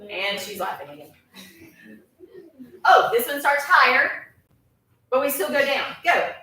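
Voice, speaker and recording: High bright teacher in an echoey classroom. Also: female voice, sing-song, measured pace, far from the mic, background noise. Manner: playful, coaxing with children. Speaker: music teacher.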